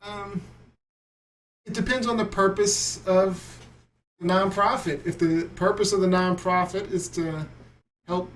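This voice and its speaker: A man's voice: high-pitched, steady tone, measured pace, pauses often, a little hiss or hum. A man co-hosting a casual panel podcast, talking in a chatty, hesitant way full of "you know". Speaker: podcast co-host.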